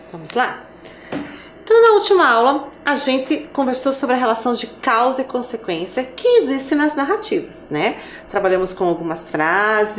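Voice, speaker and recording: A woman teacher with a Brazilian Portuguese accent giving a televised lesson to children, animated and sing-song. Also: on the high side. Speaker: primary school teacher. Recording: roomy echo.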